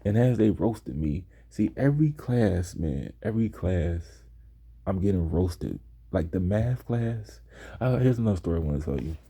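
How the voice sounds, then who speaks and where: A young man casually telling stories about high school, laid back and slow, now and then mimicking his classmates' voices. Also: animated, mellow, husky. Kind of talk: casual storytelling.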